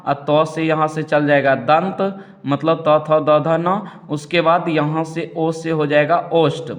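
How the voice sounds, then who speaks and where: A young male teacher with a slightly high voice goes through multiple-choice exam questions one by one. He explains each answer at a steady pace and keeps coming back to the same stock phrases.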